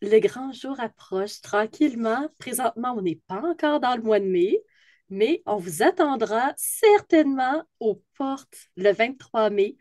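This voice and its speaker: A woman's voice: fairly high pitch, lively intonation, measured pace, a little mellow, no room sound, studio quality. A woman from North America with a Québécois accent, hosting a video-call interview in an enthusiastic, emphatic manner. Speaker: host.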